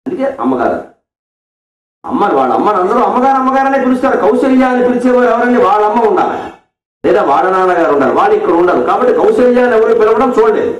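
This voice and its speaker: A man gives a lively devotional discourse, explaining a story warmly and now and then slowing into chanted verse. His voice sits high. It sounds picked up from a distance in a reverberant hall, with a dull, lo-fi tone. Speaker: spiritual discourse speaker.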